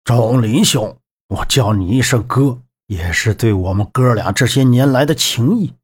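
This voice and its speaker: A man voicing a gruff middle-aged male gang leader who confronts his partner bluntly in an audiobook. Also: medium pitch, animated, moderate pace. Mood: agitated.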